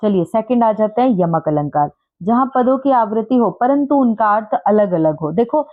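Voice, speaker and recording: A woman's voice: medium pitch, expressive. Woman teaching over tinny phone-like audio. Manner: explains patiently, reads verses slowly, checks understanding. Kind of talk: casual exam-prep lesson.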